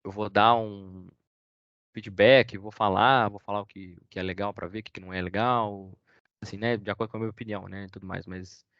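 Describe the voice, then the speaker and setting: A guest speaker with a Brazilian accent gives a casual online talk, hesitant and rambling with many fillers and restarts. His voice is on the low side, with no room sound, over dull, dry lo-fi call audio.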